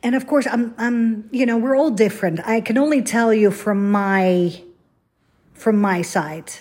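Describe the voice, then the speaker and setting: A woman's voice: on the high side, a little slow, a little mellow. A middle-aged woman from the Netherlands, hosting a podcast in a candid, rambling, self-deprecating solo monologue. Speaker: podcast host.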